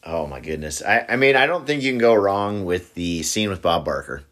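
A man chatting casually on a podcast, relaxed and agreeable, retelling favorite film scenes in detail. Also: low-pitched, normal speed. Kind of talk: casual chat about movies.

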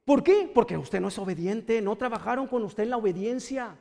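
A man's voice: sits high, expressive, brisk, creaky, warm tone, big-room sound. A man with a Mexican accent preaching a sermon, scolding and questioning his listeners directly. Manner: addresses listeners directly with pointed rhetorical questions.

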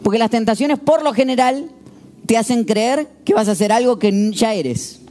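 A man preaches, retelling scripture in a lively storytelling way. Faint music plays under his voice. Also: extremely high pitch, normal speed. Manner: animated, storytelling, shifts into quoted voices. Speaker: pastor. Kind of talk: sermon.

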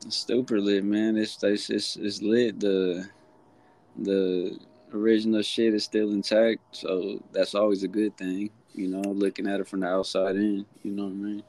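A man's voice: fairly low pitch, little pitch movement, normal speed, a little mellow, poor audio. A man chatting casually on a podcast in laid-back slang, often repeating his phrases. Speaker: podcast guest or co-host. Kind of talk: casual chat.

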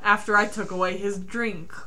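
A woman playing a tabletop game, chatting casually and playfully and telling things in an animated way. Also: mid-range voice, normal speed, a little hiss or hum, rough recording. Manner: animated storytelling.

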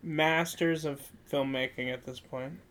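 A woman's voice: low voice, steady tone, unhurried. A woman co-hosting a film podcast in casual banter, informal and wry, chiming in with short remarks.

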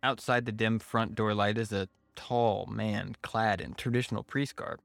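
A man's voice: lowish voice, steady tone, measured pace, vocal fry, a bit bright. A man narrating a scripted first-person horror story in a wry manner.

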